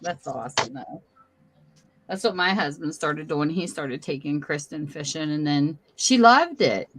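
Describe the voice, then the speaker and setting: A middle-aged woman hosting a casual chat, telling animated family stories. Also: deep voice, unhurried, rough recording. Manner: chatty, animated storytelling. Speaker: host.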